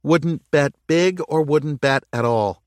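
A woman's voice: sits low, takes it slowly, a little mellow, dry recording, pitched above the performer's own voice. A man voicing a harried, stubborn woman mayor who speaks in insistent, clipped bursts, in a dry recording.

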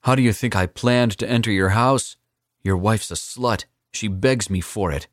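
A man voicing a young captive assassin who is defiant and taunting, in a higher, strained and sneering voice. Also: normal speed, no room sound, clean studio sound, close to an everyday voice.

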